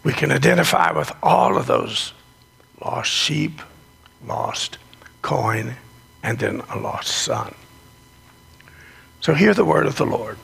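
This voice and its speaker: A man preaching as a pastor in a strangled, choked-up, congested voice, hoarse from a sinus infection, with a deliberate, folksy delivery. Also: fairly high pitch, lively intonation, a bit bright. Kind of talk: sermon, children's talk and scripture reading. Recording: long echo of a large hall.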